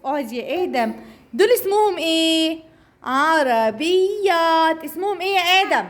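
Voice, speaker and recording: Her voice very high and animated, the Egyptian-accented therapist keeps teaching young children to speak. She praises frequently and stretches out key words in slow repetition, with a noisy room around her.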